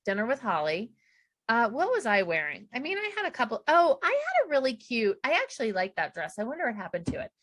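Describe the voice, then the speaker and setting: A middle-aged woman co-hosting a podcast, chatting casually and acting out quotes with quick reactions. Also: fairly high pitch, wildly swooping pitch, fairly bright tone. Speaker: podcast co-host. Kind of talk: casual chat recapping a reality show.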